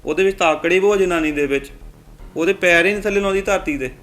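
A man's voice: high-pitched, a bit bright. A man playing a hurt, stubborn brother who speaks with resentment. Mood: bitter. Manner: rapid, resentful.

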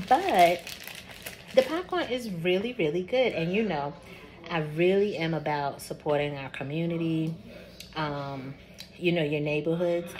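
Chatty woman vlogging a food tasting. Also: low voice. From Georgia, US. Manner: chatty, tastes on camera with mouth full. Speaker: cooking channel host. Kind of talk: casual food-tasting vlog. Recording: audible background noise.

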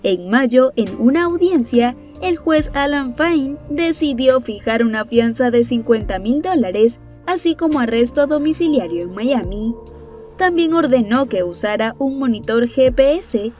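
High-pitched woman newsreader for a gossip news clip, brisk and even, light music bed. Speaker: news narrator. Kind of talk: scripted entertainment news narration.

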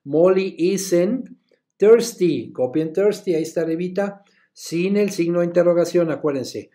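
Guy teaching english, talks real slow, spells stuff out letter by letter. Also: sits high, warm tone. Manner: switches between Spanish and English. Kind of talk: recorded class lesson.

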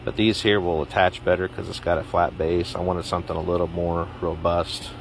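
A deep-voiced man talks through a home project in a relaxed, plain-spoken way, pausing on fillers now and then. He is recorded outdoors on a handheld phone, with noticeable noise behind him. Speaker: DIY vlogger. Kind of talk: casual how-to explanation. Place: outdoors in a yard.

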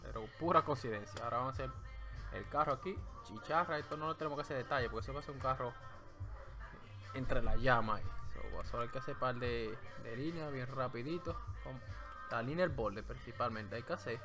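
Over background music, a mid-range male voice with a Dominican Spanish accent talks fairly quickly. He streams from home as he draws live, giving a playful running commentary full of jokes into a desk microphone.

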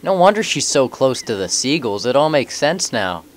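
A man's voice: medium pitch, very animated, normal speed. A man giving casual let's play commentary, cracking jokes and talking back at the game characters. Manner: joking, wisecracks at game characters.

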